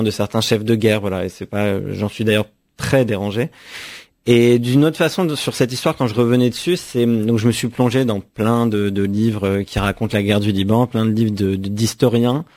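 A man's voice: mid-range voice, a little mellow. A young man from France, an author answering radio interview questions in a thoughtful way, often restarting and repeating words. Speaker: author guest.

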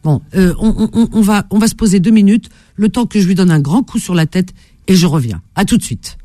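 A woman's voice: mid-range voice, animated, brisk, dark tone, faint music behind. A woman hosting a radio classified-ads phone-in in a chatty, familiar, teasing way on a studio microphone. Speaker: radio call-in host.

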